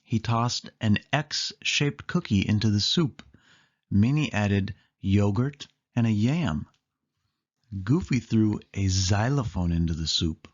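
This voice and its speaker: A storyteller reads a children's book aloud in an animated way, lingering on words in lists. The voice is mid-range and slow, and the sound is lo-fi.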